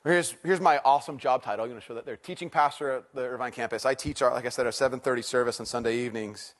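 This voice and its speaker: This sermon comes from a middle-aged teaching pastor with a medium-pitched voice and a quick pace. He talks to the church congregation casually, jokes at his own expense, and shifts from loud excitement down to hushed intensity.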